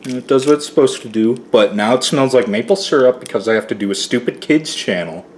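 A man speaking crudely and bitterly in a rushed mutter. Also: medium pitch, slight background noise.

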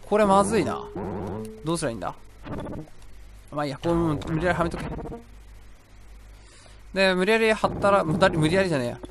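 A young man plays a video game and offers casual commentary, rambling to himself between exclamations over the game music. His slightly high voice is expressive and brisk, and he pauses often. Background noise can be heard.

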